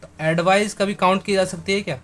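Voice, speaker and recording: His voice sits high and steady with a slightly bright tone as he goes over grammar, saying each word slowly again and again and spelling it letter by letter for viewers he treats as friends.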